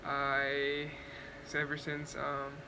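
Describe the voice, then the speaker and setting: Flat-voiced man from Mexico, noisy room. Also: medium pitch, slow. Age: 20s. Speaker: interviewee. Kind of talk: casual interview answers. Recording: noisy, air conditioning hum.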